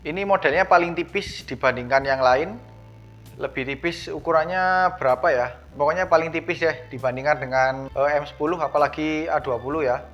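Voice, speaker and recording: With a slightly high, fairly bright voice and a somewhat quick delivery, a male vlogger unboxes a product, explaining it in a relaxed, conversational manner. The lo-fi recording is dull, and background music plays behind him.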